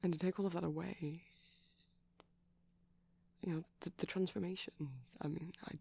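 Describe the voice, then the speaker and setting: A high-pitched man, recorded dry, holds a steady tone as the shy, gentle vampire of an ASMR boyfriend roleplay. Soft-spoken and breathy, he rambles haltingly and often lowers his voice to a whisper.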